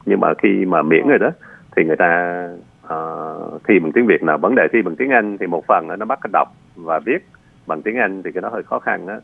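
A man, an immigration lawyer, giving patient advice on a radio call-in show, pausing often with fillers as he explains. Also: low voice, creaky, breathy edge, no echo. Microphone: phone line. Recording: tinny phone line, dry.

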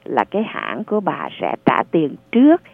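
A woman answers callers on a radio advice show, laying out benefit rules in a patient, reassuring way. Her voice sits a little low. It comes through a thin, phone-like channel. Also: huge pitch swings, moderate pace, creaky. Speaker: radio advisor on social services. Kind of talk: call-in advice, explaining benefits. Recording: narrow phone-like sound.

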